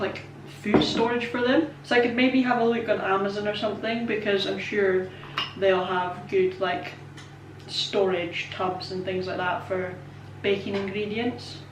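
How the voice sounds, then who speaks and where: With a mid-range voice, this Scottish vlogger in her twenties rambles cheerfully through a baking session in her home kitchen, self-deprecating and heavy on ums and likes. A camera positioned away from her captures her distantly. The echoey kitchen recording carries noticeable background noise.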